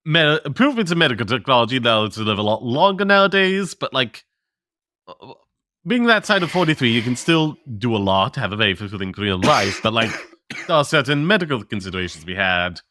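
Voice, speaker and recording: A man's voice: medium pitch, a little fast. A man co-hosting a tech podcast, chatting casually and moving the talk along to the next segment. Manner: animated, leads the segments. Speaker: podcast co-host. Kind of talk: casual chat.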